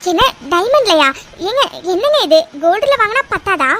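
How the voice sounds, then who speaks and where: A woman's voice: extremely high pitch, sing-song, moderate pace. A woman voicing an anxious, tearful mother of three in a cartoon, with an emotional, pleading delivery. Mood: fussing. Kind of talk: cartoon dubbing. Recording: faint background noise.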